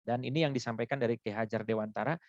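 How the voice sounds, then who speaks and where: A man giving a relaxed online lecture, chatty and laughing often. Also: mid-range voice, very fast, no room sound, highs cut off. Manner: chatty, laughs often, switches into Sundanese words.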